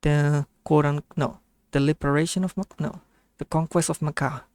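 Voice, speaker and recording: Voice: mid-range voice, steady tone, normal speed, a little mellow, no room sound. A streamer from Indonesia with an Indonesian accent, giving casual reaction commentary in a hesitant, self-correcting way, as if thinking aloud.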